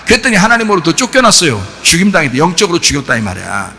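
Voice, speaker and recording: Male pastor, sermon, high voice, forceful, rhetorical questions, sudden shouts. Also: rapid-fire, in a large hall. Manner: animated, rhetorical questions to the congregation, bursts of shouting. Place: church sanctuary.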